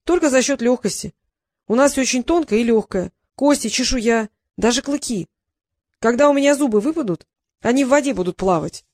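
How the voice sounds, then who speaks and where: A woman's voice: on the high side, animated, fairly quick, a little mellow, no echo, studio quality, voice pushed up. Woman doing a pompous huge dragon. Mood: grandiose. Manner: grandiose, declaiming. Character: huge pompous male dragon, vain but shy.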